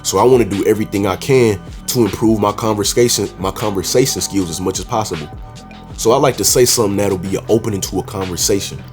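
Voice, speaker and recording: A man's voice: on the low side, fast talker, a little mellow, soft background music. A man talking casually to camera, giving dating advice in a confident, slangy way and often calling the listener "bro". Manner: confident, emphatic.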